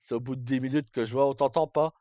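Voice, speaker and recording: A live streamer chats casually and unscripted with his viewers, his medium-pitched, mellow voice steady and fast as he tosses out sweary, colloquial, broken-off phrases. The sound is dull and roomy, with faint game music in the background.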